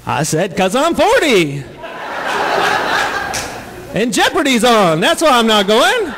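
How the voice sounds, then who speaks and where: A man in his forties doing live stand-up comedy before an audience, playful with drawn-out punchlines. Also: extremely high pitch, wildly swooping pitch, big-room sound, background noise. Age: 40s. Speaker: comedian and singer.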